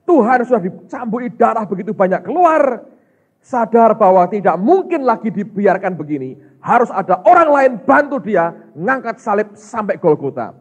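A man, a pastor, preaching a lively sermon, acting out dialogue and calling the congregation "saudara". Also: high voice, normal speed, slightly rough. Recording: muffled, slightly lo-fi sound.

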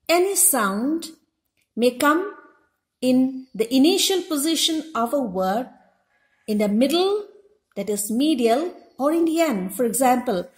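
Slow, high-voiced woman teaching a lesson. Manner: repeats each example word slowly and explains. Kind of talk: slow, deliberate classroom lesson. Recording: echoey room.

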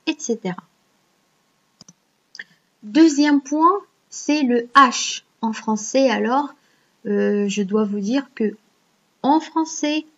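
A woman's voice: fairly high pitch, breathy edge, highs cut off. A woman teaching a grammar lesson online, patiently explaining step by step and checking in with her students. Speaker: French teacher.

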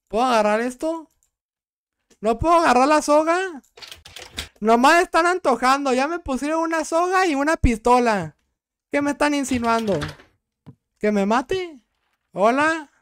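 A young man with a Mexican accent commenting on his gameplay, cracking crude jokes, talking back to game characters and yelling when startled. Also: very high-pitched, moderate pace, long pauses, smooth. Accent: Mexican Spanish. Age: young adult. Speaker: streamer.

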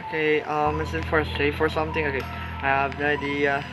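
In a jittery let's-play of a horror game, a young gaming YouTuber with a slightly high voice frets nervously and repeats "oh no" over and over. His delivery is flat and a little fast, set against loud game music. The audio is poor.

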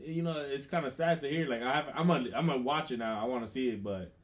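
A man's voice: mid-range voice, fast. A man co-hosting a podcast, speaking earnestly in casual, rambling chat and often repeating himself.

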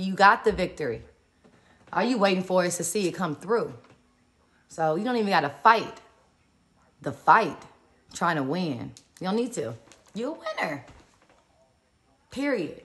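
A woman's voice: fairly low pitch, expressive, moderate pace, pauses often, fairly bright tone. A woman hosting a live-stream morning encouragement, colloquial and preacherly as she greets viewers by where they are.

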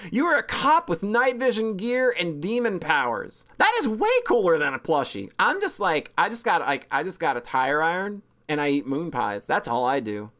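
A woman streamer chats through fan art in a casual, rambling way. Her voice sits a little low but swings widely, jumping into squeaky excited bursts. She is bubbly and pokes fun at herself. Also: moderate pace, hardly any pauses. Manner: bubbly, rambling, self-mocking, with sudden squeaky high bursts. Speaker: VTuber streamer.

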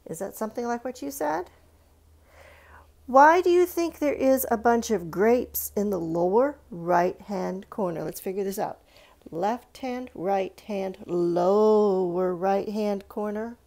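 A woman with a creaky, somewhat dark voice gives a slow read-aloud art lesson for children from an indoor stone countertop, a book in front of her. Her pitch is medium. She teaches in an instructive way, chatting in asides and asking her young viewers questions directly.

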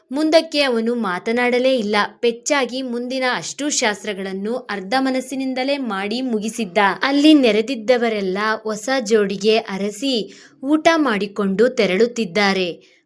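A woman narrating a story aloud in a steady, expressive reading style. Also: fairly high pitch.

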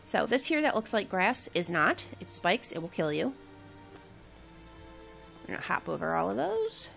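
A woman's voice: medium pitch, big pitch swings, normal speed, gravelly, fairly bright tone, faint music behind. A woman hosting a let's play, giving casual, chatty game commentary with wry asides.

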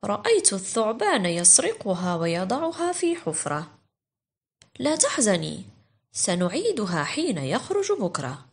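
A woman voicing a helpful, reassuring male woodpecker in a children's storybook, expressive and instructive. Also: mid-range voice, a little slow, husky, heavily acted.

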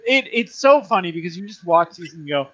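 A man's voice: high-pitched, expressive, fast talker, fairly bright tone, no echo, lo-fi sound. A man hosting a casual panel chat, emphatic, acting out mocking retellings. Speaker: host.

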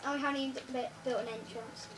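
A high-voiced girl co-hosting a building game chats casually and gives quick directions, sounding far away over a noisy crowd in a steady tone. She's in a living room in front of a TV, recorded by a phone camera filming the screen, so the audio is distant and full of room noise.

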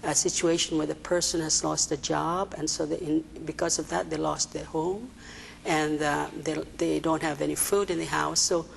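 A woman, an agency director answering TV interview questions in a halting way with many fillers. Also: low voice, fairly even intonation, creaky, a little hiss or hum, poor audio. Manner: hesitant, many fillers and restarts. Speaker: executive director of a social services agency, interview guest. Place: TV studio.

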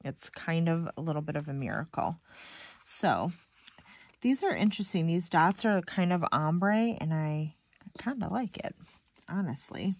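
In a low, a little mellow voice with a slightly stuffy, nasal quality, a young Michigan woman rambles to her viewers while decorating a planner. She's an expressive, chatty planner vlogger who says "like" a lot and talks a little slowly.

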